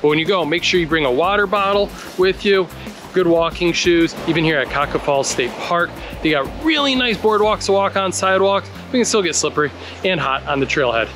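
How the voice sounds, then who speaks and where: A man in his thirties hosts a casual travel vlog, walking tropical trails and roadsides with a handheld camera while offering friendly tips. His voice is on the high side, expressive and fairly bright, and he talks a little fast. Music plays behind him.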